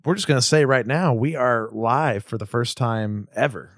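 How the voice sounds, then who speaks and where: A man's voice: mid-range voice, moderate pace, a bit bright, no echo, studio quality. A man co-hosting a casual podcast, chatting in an easygoing, joking way. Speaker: podcast co-host.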